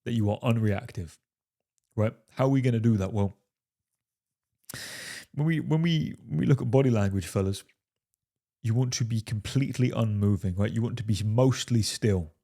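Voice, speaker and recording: A man's voice: lowish voice, moderate pace, pauses often, dark tone. A man giving dating advice straight to camera, emphatic, often saying "fellas" and "right?" and swearing for emphasis. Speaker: dating coach. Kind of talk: direct-to-camera advice monologue.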